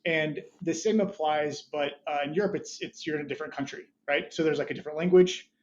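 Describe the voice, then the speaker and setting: Fast and fairly high-pitched, this thirties-aged man comes through dull audio with a little hiss or hum. As a podcast guest and startup founder, he grew up as an American in Budapest, Hungary, and his casual interview talk wanders with frequent restarts and brief laughter.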